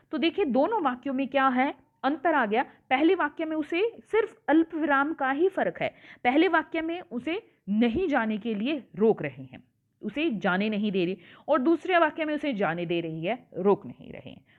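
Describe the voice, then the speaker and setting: Woman teacher, patient and questioning with the kids, lively pitch, thin lo-fi phone sound. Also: moderate pace. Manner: explains patiently, repeats and asks the class questions. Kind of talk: online worksheet lesson for children.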